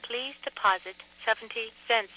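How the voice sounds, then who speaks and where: Bright woman's automated payphone prompt. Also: on the high side, poor audio. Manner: polite, even and measured. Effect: heard through a payphone line.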